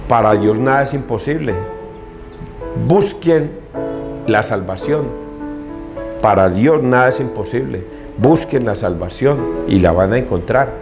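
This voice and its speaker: Man, priest, homily, preachy, music clearly underneath. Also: mid-range voice. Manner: preachy, acts out everyday characters with quick asides. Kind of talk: gospel reading and homily.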